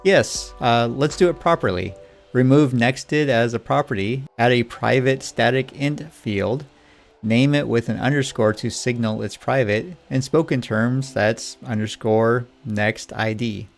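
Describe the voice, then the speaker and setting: A man's voice: mid-range voice, measured pace, vocal fry, soft background music. A man teaching programming in a scripted lesson dialogue, patient and Socratic, asking questions to lead his student. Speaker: programming instructor.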